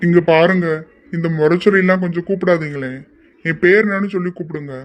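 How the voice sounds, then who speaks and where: A performer voicing a quiet, reserved young man in an amateur audio drama, answering in short, evasive lines. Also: mid-range voice, steady tone, lo-fi sound, close to an everyday voice. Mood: curt. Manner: curt and evasive, unhurried.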